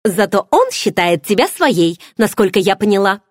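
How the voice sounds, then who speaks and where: A woman's voice: medium pitch, big pitch swings, moderate pace, dry recording, clean studio sound. A woman voicing a playful, nosy young pregnant friend who teases with pushy questions. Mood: teasing. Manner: teasing, bubbly, pushy questions.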